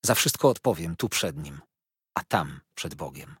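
Brief: earnest young wife read by a man, soft and imploring, low and husky, close and dry. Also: expressive, unhurried, no room sound, full character voice.

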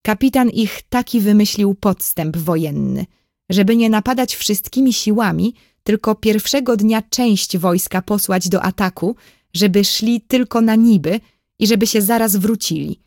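A woman narrating a children's story as an audiobook in a clear, measured storytelling manner. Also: medium pitch, a little mellow, no echo, studio quality.

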